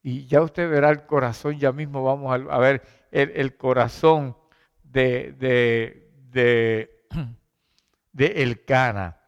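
A man's voice: mid-range voice, fairly even intonation, slow pace, clean tone, in a large hall, lo-fi sound. A man preaching a sermon in a conversational, joking way, calling his listeners brother and sister.

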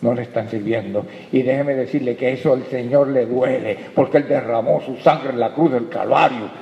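Impassioned preacher in an echoey hall. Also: male voice, medium pitch, moderate pace, slight background noise. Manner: impassioned preaching, rising to loud peaks; addresses listeners as brother. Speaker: pastor. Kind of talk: sermon. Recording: echoey hall, dull lo-fi sound.

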